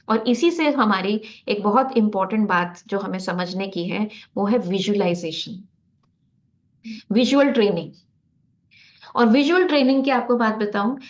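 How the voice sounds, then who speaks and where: A woman lecturing on psychology in a conversational, motivational style, often asking her listeners rhetorical questions. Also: a little high. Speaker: guest speaker on psychology. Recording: slightly dull, lo-fi recording.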